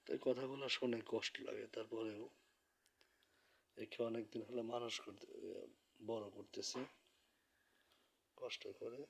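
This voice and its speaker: Man, home vlogger, hushed late-night talk into a phone, breathy and even. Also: medium pitch, measured pace, pauses often. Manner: speaks softly to keep from waking neighbors. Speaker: pet bird vlogger. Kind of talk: quiet night-time vlog narration. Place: indoors at home, in bed.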